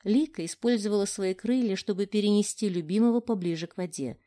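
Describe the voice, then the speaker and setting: A woman narrating a fantasy story as an audiobook with steady storytelling. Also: mid-range voice, brisk.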